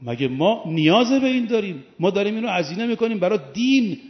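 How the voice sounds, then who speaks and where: A man preaching a Muharram sermon, stretching key lines out slowly and then rising sharply in pitch. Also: expressive. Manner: preaching with slow emphatic lines and sudden swells in pitch. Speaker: cleric preaching. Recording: echoey hall, dull lo-fi sound.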